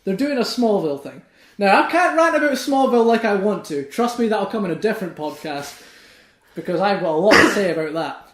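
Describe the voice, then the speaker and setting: Ranting young man, high voice. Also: a little fast, reverberant. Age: young adult. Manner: swears a lot, ranting and excitable. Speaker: podcast host. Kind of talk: casual chat.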